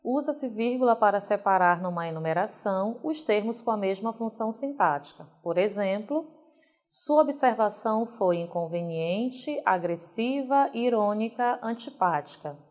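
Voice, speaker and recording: A woman teacher with a Brazilian Portuguese accent, giving a recorded video lesson and reading example sentences slowly with careful emphasis. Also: mid-range voice, animated, a little mellow.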